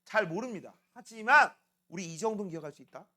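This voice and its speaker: Middle-aged guy teaching a class, high bright voice, teases the kids a lot, keeps asking "right?". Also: animated, quick pace. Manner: rough, teasing banter with students, frequent tag questions. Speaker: science academy teacher. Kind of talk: classroom lecture.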